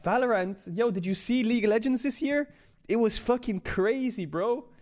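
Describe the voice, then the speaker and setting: High-pitched young man in outraged disbelief. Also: normal speed, darkish tone. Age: young adult. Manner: outraged disbelief, exclaiming and swearing. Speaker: streamer reacting to an awards show. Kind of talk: live stream reaction, casual slangy commentary. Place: small home room, indoors.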